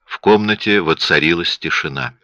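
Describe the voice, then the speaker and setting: Low-voiced male audiobook narrator. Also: moderate pace, sharp tone, no room sound. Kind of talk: scripted narration. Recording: dull lo-fi audio, dry.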